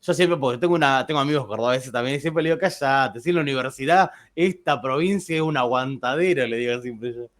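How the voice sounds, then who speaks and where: A man's voice: mid-range voice, quick pace, few pauses, fairly bright tone. Chatty Argentine man telling stories. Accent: Argentine Spanish. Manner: chatty, joking, with frequent restarts. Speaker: teacher. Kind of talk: casual classroom anecdote.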